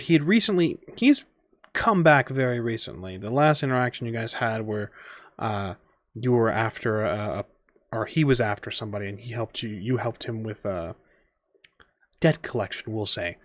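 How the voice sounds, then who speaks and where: A man's voice: medium pitch, no room sound. Rambling man game master. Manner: loose, thinking aloud with many fillers. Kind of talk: narrating a tabletop game.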